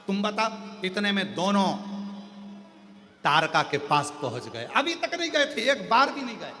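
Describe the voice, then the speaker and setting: Slow, expressive devotional storyteller man. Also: high voice. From Madhya Pradesh. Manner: expressive, acting out the characters' voices. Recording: hall reverb with faint music.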